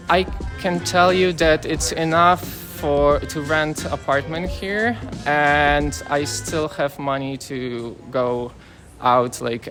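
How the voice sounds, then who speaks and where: A man from Poland speaks slowly and hesitantly in a street interview, his voice gravelly with fry. Clear music plays under him. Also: medium pitch. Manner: slow, hesitant, with fillers. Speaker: software developer.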